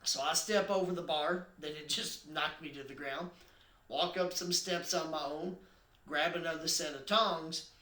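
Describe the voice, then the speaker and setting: Man, personal testimony, earnest, emphatic suspenseful storytelling, sharp tone, roomy echo. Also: on the high side, steady tone, measured pace. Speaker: storyteller recounting his own accident.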